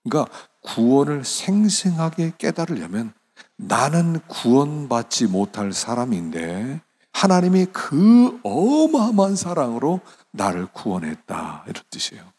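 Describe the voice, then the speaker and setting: A man preaching as a pastor, dramatically acting out dialogues and swinging from hushed talk to pleading cries. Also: medium pitch, sing-song, unhurried, breathy edge. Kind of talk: sermon lecture.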